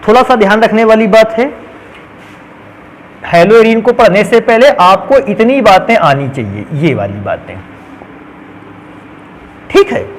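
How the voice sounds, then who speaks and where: A man's voice: high voice, sing-song, measured pace, long pauses, low-quality recording. A man teaching a chemistry lesson who keeps asking his students questions and answering them himself, speaking. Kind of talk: classroom lecture.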